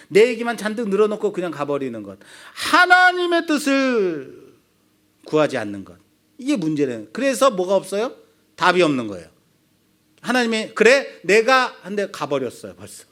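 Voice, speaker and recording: A man's voice: sits high, fairly bright tone. A male pastor preaching a sermon, asking the congregation rhetorical questions.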